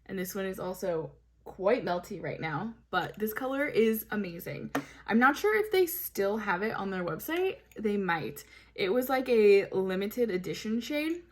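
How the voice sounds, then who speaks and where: A woman reviewing makeup in a casual, chatty way, gushing over each product with plenty of fillers. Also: mid-range voice. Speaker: beauty vlogger. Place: home, hot weather.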